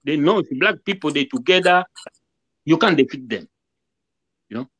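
Over a webcam on a video call, a man who is a guest musician talks earnestly in a casual interview, going over points again and performing the greetings he quotes. His slightly high voice is expressive, moderately paced, a bit bright with a breathy edge, and the audio is poor.

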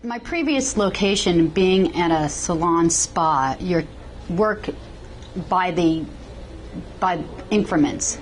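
A woman's voice: fairly low pitch, expressive, slow pace, a little hiss or hum, low-quality recording. A middle-aged woman, a salon suite owner, earnestly explaining her experience in a small salon. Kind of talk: testimonial interview.

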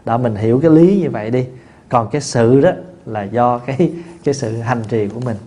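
Man, Buddhist monk teaching, chatty and folksy, many restarts, middle pitch. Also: brisk. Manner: tells lively anecdotes with laughter. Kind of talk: dharma talk answering questions.

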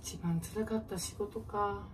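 A woman's voice: medium pitch, a little slow, distant mic, low-quality recording. Kansai woman host, laid-back musing chat, mid-range voice, mic set back from her, faint kitchen hum. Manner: relaxed, musing aloud while cooking. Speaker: comedian and channel host. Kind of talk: casual chat answering viewer comments.

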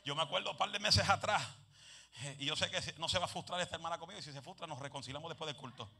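A man preaching a lively Pentecostal sermon, telling stories and mixing in English phrases, dropping to soft asides and rising to shouts. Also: on the high side, racing, husky. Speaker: evangelist preacher.

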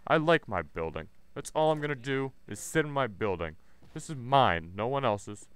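A man's voice: medium pitch, animated, moderate pace, smooth. A man giving live gameplay commentary, ranting and swearing with irritation as he plays. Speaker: gaming channel host.

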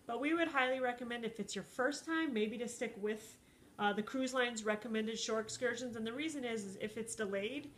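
A woman's voice: a little high, a little fast, slight background noise. A woman in her thirties hosting a casual travel vlog at home, talking in a friendly, easygoing way with frequent fillers. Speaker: cruise vlog host. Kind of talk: casual chat. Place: living room at home.

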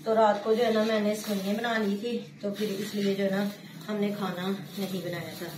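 Here the same kind of speaker, a Pakistani woman with a Pakistani Urdu accent, uses a medium pitch and flat delivery at a moderate pace. As a village vlogger on a floor mat in a small home room, she casually describes her home cooking step by step, repeatedly saying "jo hai na," in an echoey recording with clear background noise.

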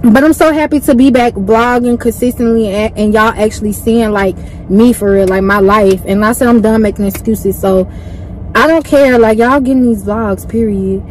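A woman's voice: a little high, normal speed, darkish tone, a little hiss or hum, low-quality recording. Chatty young woman vlogger. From Memphis, USA. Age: young adult. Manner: chatty and candid, with frequent "like" fillers. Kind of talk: casual vlog chat. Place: inside a parked car. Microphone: camera mounted near the dashboard.

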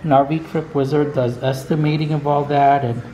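Indoors at his dining room table, an older RV vlogger discusses planning a road trip with a camera fixed across from him, unhurried, opinionated, and now and then chuckling. He has a fairly high, dark-toned voice with fairly even intonation. The audio is poor and reverberant.

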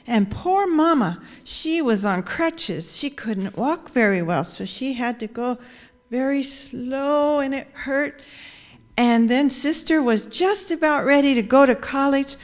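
A woman tells a children's story in a church. She speaks slowly and expressively in a voice a little higher than most, and she acts out the people in the tale. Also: lively intonation. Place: church sanctuary.

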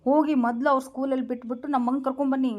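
A woman's voice: sits high, steady tone, highs cut off. A woman voicing an exasperated mother who scolds her husband in a comedy cartoon dub. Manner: exasperated, quick. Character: scolding young mother, Raji.

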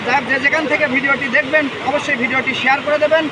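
A man's voice: very high voice, little pitch movement, rapid-fire. A man with a Bangladeshi accent reporting live on location and interviewing people, addressing viewers formally and wordily. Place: outdoors on a busy sea beach. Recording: noisy outdoor beach, crowd, distant mic. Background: loud surf and crowd.

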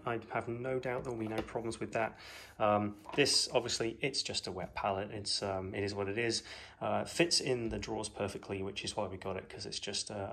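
Speaking from an indoor gaming room at home, a New Zealander reviews a product in a loose, wandering way, with plenty of uhs and ums. His voice sits fairly low with a touch of brightness, and the off-screen phone camera catches slight background noise.

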